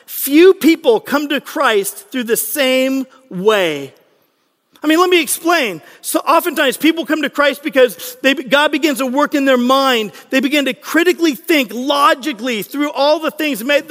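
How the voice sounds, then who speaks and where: A man preaching a sermon, retelling a Bible story with lively, playful acted-out scenes. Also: extremely high pitch, normal speed. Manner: animated storytelling, acting out scenes with playful voices. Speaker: pastor. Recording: long hall reverb.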